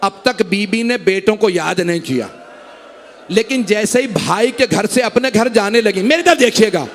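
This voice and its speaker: A man with a strikingly high voice preaches a mourning sermon in an imambargah hall. He tells the story slowly and deliberately, with grief in every phrase. Faint background hiss sits under his voice.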